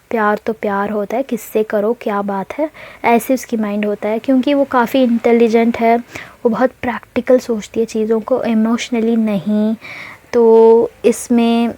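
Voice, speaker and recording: Woman storyteller, casual narration, higher pitch, mellow, dry sound. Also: dry recording. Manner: chatty, mixes English words, explains motives.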